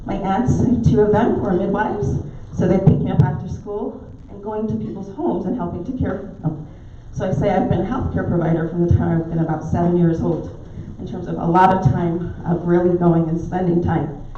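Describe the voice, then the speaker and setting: A woman's voice: fairly low pitch, steady tone, moderate pace, hardly any pauses, background noise. Barbadian woman speaking in an echoey room. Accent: Barbadian, softened by years in the US. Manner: warm storytelling with filler ums. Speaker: guest speaker, naturopathic doctor. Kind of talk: talk at a club meeting. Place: pub dining room. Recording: echoey, dull, distant room recording.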